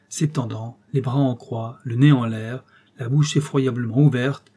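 A man reading an old adventure novel aloud as an audiobook narrator, in dramatic, measured phrases. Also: medium pitch, mellow.

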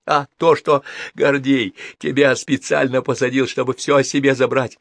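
A man's voice: medium pitch, little pitch movement, moderate pace, gravelly, dry recording, voice pushed up. A man voicing a battered young man who talks back defiantly and with resentment. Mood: defiant resentful. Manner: defiant, pleading.

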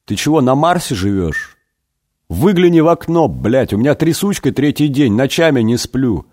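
A man's voice: medium pitch, sing-song, moderate pace, darkish tone, voice pushed up. A man voicing a despairing, foul-mouthed billionaire. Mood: exasperated. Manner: lifeless, then swearing. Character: despairing, crude male billionaire.

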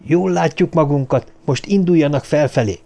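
Man reading a frantic man leading a search, shouting orders, urgent and raised voice, audiobook. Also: fairly high pitch, vocal fry, pitched above the performer's own voice.

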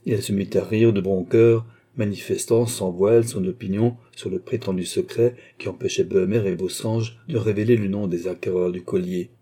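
A man narrating a classic novel as an audiobook in a measured, even reading. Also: fairly low pitch, slightly rough.

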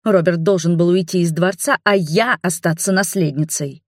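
A woman's voice: on the low side, normal speed, no room sound, studio quality, close to an everyday voice. A woman voicing a spoiled young princess who is furious and demanding, speaking in a raised, indignant voice. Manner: indignant, shouting.

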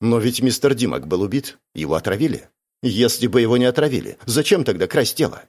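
A man's voice: mid-range voice, animated, a little fast, natural voice. A man voicing a cold, stern young woman. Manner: cold, clipped questioning.

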